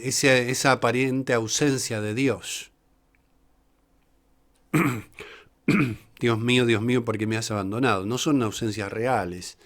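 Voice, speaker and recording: A priest teaches a Bible class at an unhurried pace. He speaks slowly and deliberately, pausing often as he reads out verses. His voice is of medium pitch. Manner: slow and deliberate, pausing often, reading quoted verses aloud. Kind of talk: slow reflective Bible lesson.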